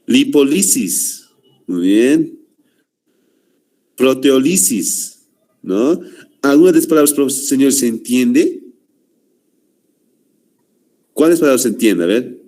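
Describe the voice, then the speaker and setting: A man with a Bolivian Spanish accent lecturing a class, halting with fillers and constant "¿no?" tags. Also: medium pitch, expressive, mellow. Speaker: teacher.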